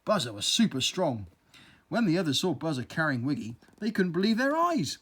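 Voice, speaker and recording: Expressive storyteller, lively slightly husky voice. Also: medium pitch, a little fast. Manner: playful, expressive read-aloud. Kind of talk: children's story narration.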